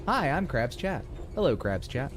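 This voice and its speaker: A man's voice: mid-range voice, very animated, moderate pace, over music. A young man streaming a game, chatting playfully with his viewers. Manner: playful, chatty, addresses chat. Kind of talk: casual live-stream commentary.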